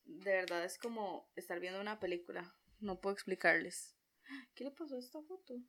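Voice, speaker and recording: A young woman with a Costa Rican accent tells a personal story to her viewers. Her voice is bright and clear, at an ordinary middle pitch. She chats expressively and acts out her own reactions as she goes. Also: brisk. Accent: Costa Rican Spanish. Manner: chatty, expressive storyteller with lively quoted reactions. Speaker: vlogger. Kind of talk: storytime vlog.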